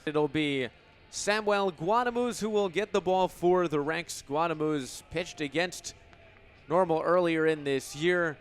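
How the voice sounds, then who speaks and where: With a clean tone and a voice on the high side, a man calls baseball play-by-play for radio at a slightly slow pace. His clipped, punchy lines grow bigger on major plays.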